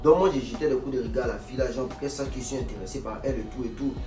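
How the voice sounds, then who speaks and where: A young man tells a comic story time in an animated, exclamatory way. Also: medium pitch, rapid-fire. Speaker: vlogger. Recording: echoey room, distant mic, faint music.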